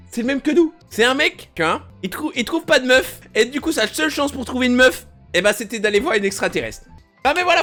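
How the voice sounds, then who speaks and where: A young man, a video creator, chatting casually in an animated, slangy and emphatic way, often repeating himself. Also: sits high. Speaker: youtuber. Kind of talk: casual reaction chat.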